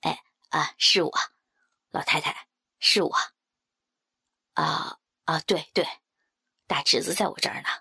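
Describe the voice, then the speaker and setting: Brief: woman playing a low, bright-edged, husky-toned jolly uncle, coaxing and eager to please. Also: unhurried, pauses often, exaggerated voice. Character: jovial middle-aged man, fawning uncle.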